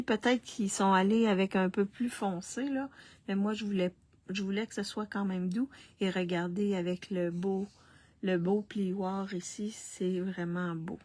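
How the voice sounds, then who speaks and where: A woman, hosting a live card-making demonstration, talking slowly with many restarts and coughing through a frog in her throat. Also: mid-range voice, a little mellow. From Canada. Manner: slow, halting, with many restarts and fillers. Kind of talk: casual live craft demonstration.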